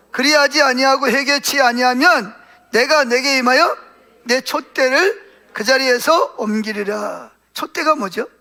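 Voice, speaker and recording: A male pastor preaching a sermon, putting questions to the congregation and answering them himself, and acting out quoted prayers in a softer voice. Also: very high voice.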